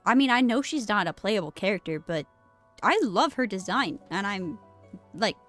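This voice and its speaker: Slightly under the weather with a cold, a woman casually comments on a live game stream, reading dialogue aloud, rambling, restarting her sentences and laughing easily. Her mid-range voice is expressive and a bit bright at a moderate pace. Game music plays in the background.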